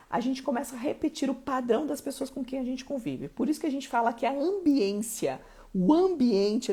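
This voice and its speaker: Her voice is high yet dark in tone. Hailing from Mato Grosso do Sul, Brazil, and speaking with a Curitiba Portuguese accent, she gives emphatic, motivational teaching on a live stream, repeatedly checking in with listeners.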